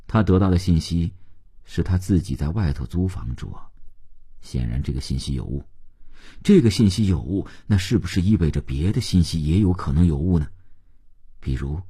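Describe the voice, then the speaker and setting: Deep husky male storyteller. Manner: expressive, dramatic storyteller. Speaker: audiobook narrator. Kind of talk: storytelling narration.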